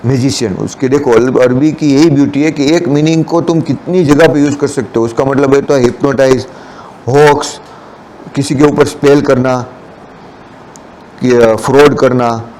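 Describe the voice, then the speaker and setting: A man's voice: medium pitch, darkish tone, slight background noise. A man giving a Friday sermon, explaining the meanings of scripture words and mixing in English terms. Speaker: preacher.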